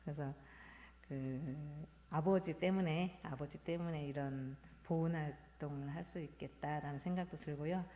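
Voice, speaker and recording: A woman in her fifties, a Won Buddhist minister, giving a halting, reflective talk at a Sunday service. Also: low voice, dark tone. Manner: halting, reflective, personal storytelling. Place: temple hall. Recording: long hall reverb.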